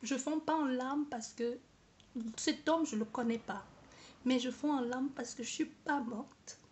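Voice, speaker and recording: A woman with a fairly high voice tells her own story straight to the camera. She hesitates, restarts her sentences and repeats words while she searches for how to say things. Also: measured pace, darkish tone. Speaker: vlogger. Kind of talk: personal testimony to camera.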